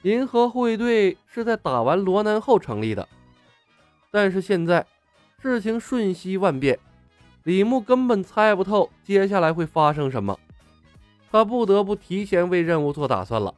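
Male audiobook narrator, high and animated, dry close mic, faint music under. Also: moderate pace, no room sound. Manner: expressive storytelling.

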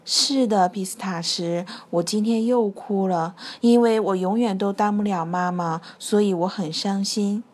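A woman voicing a soft, sorrowful mother rabbit. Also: medium pitch, unhurried, few pauses, natural voice. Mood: sad. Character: sad gentle mother rabbit longing for a child. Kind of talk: children's storytelling.

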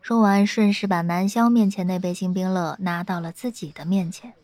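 A woman narrating a web novel in a steady, lightly playful storytelling tone. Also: on the low side, normal speed, slight background noise. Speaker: audiobook narrator.

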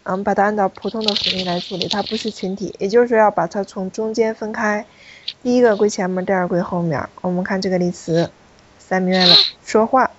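A woman's voice: medium pitch, steady tone, a little fast, dull audio, heavy background noise. A woman teaching a French pronunciation class, explaining rules step by step and calling on students. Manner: explanatory, repeats key points, calls on students.

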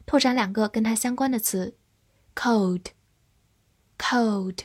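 A woman teaching English vocabulary to learners, spelling each word letter by letter and reading the examples slowly. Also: on the high side, a little mellow, no room sound, studio quality. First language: Chinese. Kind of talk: vocabulary lesson.

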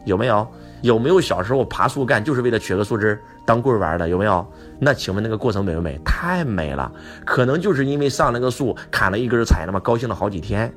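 A male lecturer with a low voice gives a motivational talk. He keeps asking his audience questions, and his pitch swings up and down a lot. Faint music plays in the background. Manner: animated, asks the audience rhetorical questions.

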